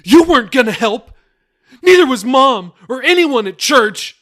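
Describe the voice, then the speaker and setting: A man voices a furious twenty-one-year-old daughter screaming at her father in a high, strained voice. The delivery is exaggerated, sing-song and unhurried.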